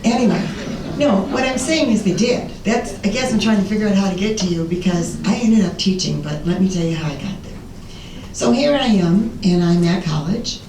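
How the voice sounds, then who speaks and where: An older American woman with a raspy voice, giving an informal, rambling, self-deprecating talk about herself as a presenter. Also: brisk. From Illinois, United States. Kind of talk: informal autobiographical talk to an audience. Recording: roomy, distant mic, faint rumbling noise.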